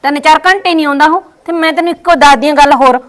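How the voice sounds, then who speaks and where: A woman's voice: sits high, racing, close to an everyday voice. A woman with a Punjabi accent playing a bossy, scheming young daughter-in-law who orders her mother-in-law around. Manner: commanding, scolding. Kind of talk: scripted family skit.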